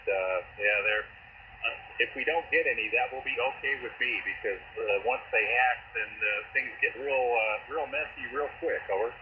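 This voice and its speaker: A man chatting casually on an amateur radio net, heard over a shortwave radio with static, halting with lots of fillers and restarts as he reads out call signs. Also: medium pitch. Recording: tinny, static-filled radio receiver audio.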